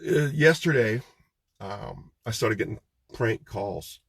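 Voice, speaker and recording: Gravelly man talking loosely to camera. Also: on the low side, lively intonation, slow pace, no echo. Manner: loose and conversational, many ums and restarts. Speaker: political candidate. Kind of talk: direct-to-camera campaign vlog.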